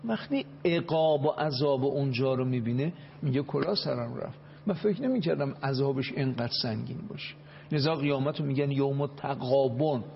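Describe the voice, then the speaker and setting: Gravelly-voiced man preaching with emphasis. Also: mid-range voice, highs cut off, a little hiss or hum. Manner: preaching with dramatic acted quotes, rising to emphatic pleading. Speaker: cleric speaking on a religious talk show. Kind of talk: religious talk with Arabic quotations.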